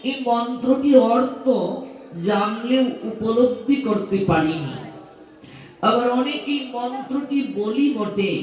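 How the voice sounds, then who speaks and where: A man with a Bangladeshi Bengali accent preaching a devotional sermon, asking rhetorical questions and chanting Sanskrit mantras slowly. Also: very high-pitched. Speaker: scripture reader and preacher. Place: open-air festival ground at an ashram. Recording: very echoey, distant PA sound.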